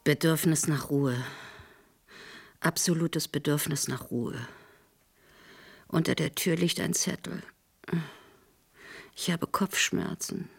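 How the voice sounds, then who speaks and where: A woman's voice: low voice, slow, vocal fry, pauses often, slightly rough, exaggerated voice. An actress playing a frightened young woman narrating her own plight in a tense inner monologue. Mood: weary. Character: frightened young woman, nervous, planning to flee. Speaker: narrator-protagonist.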